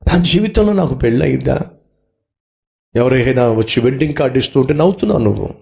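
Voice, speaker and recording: A middle-aged man preaching a sermon as pastor, swinging between soft low asides and sudden high exclamations. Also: gravelly.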